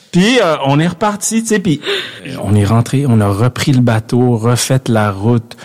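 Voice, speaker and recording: Québécois man, podcast guest, self-deprecating rambling storyteller, mid-pitched. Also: expressive, a little slow. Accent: Québécois French. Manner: self-mocking, rambling with restarts and laughs. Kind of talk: casual storytelling chat.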